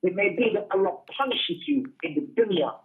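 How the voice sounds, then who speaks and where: In tinny, phone-like audio reminiscent of a radio lecture, a teacher reads Arabic religious texts and explains them in English during an Islamic lesson. His high-pitched voice is animated and fairly quick, and he repeats phrases to drive points home.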